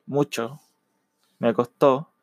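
A young man with a Chilean accent, a student telling his own story in a reflective, halting way with many fillers. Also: medium pitch, fairly even intonation, dry recording. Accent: Chilean Spanish. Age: young adult. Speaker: university student. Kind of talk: personal testimony.

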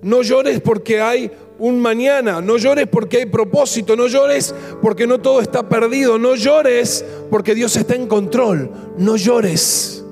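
A male Argentine pastor delivers an impassioned sermon in a high voice. He moves between pressing rhetorical questions and soft, hushed repetitions. Gentle instrumental music plays quietly behind him. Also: a little slow, few pauses.

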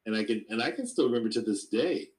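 A man's voice: lowish voice, expressive, fast talker, low-quality recording. A man hosting a podcast who rambles and asks questions in a casual chat. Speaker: podcast host.

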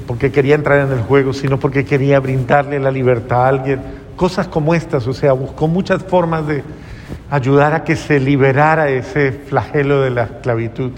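A man's voice: mid-range voice, big-room sound, slight background noise. A man preaching a sermon earnestly, often restarting his phrases.

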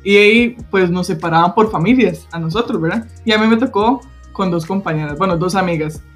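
A young woman from Costa Rica with a Costa Rican accent, co-hosting a casual chat and telling an animated story with frequent tag questions. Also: fairly low pitch, fairly quick, faint music behind. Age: young adult. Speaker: podcast co-host.

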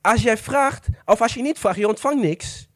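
Male preacher, high lively delivery, emphatic, quizzes the congregation, close dry sound. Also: normal speed, no echo. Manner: emphatic, asks the congregation questions, slips into English phrases. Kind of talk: sermon.

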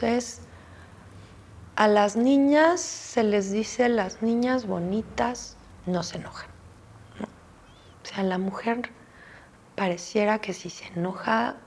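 A woman's voice: mid-range voice, a little mellow. A woman from Mexico with a Mexican accent, a therapist giving an informal talk on emotions and often adding "¿no?" tag questions. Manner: conversational, frequent "¿no?" tag questions.

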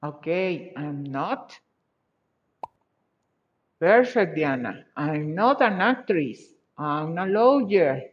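With an expressive mid-range voice, an English teacher reviews a class's exercise answers live, mixing English and Spanish. Speaking slowly and deliberately, the teacher encourages students with quick praise, captured on dull lo-fi audio.

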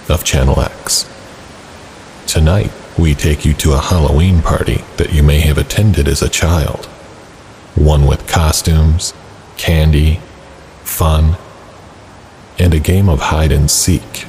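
A man playing a ghoulish horror host, introducing a spooky tale in a theatrical, drawn-out manner. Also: a bass voice, a little mellow, a little hiss or hum, full character voice, rough recording.

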